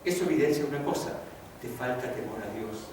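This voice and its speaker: Preaching pastor in an echoey church. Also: male voice, mid-range voice, fairly quick. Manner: dramatic preaching, acting out quoted voices and shouting lines. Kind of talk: sermon. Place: church sanctuary. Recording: echoey church hall, distant mic, audible noise.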